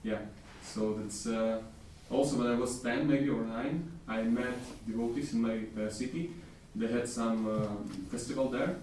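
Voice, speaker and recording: A man's voice: medium pitch, steady tone, normal speed, few pauses, crowd noise. Man rambling through a story, far off mic in a super echoey room. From Ukraine (Crimea). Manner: rambling, laughs easily, repeats words. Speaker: devotee sharing a story. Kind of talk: casual storytelling. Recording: roomy echo, distant mic, faint noise.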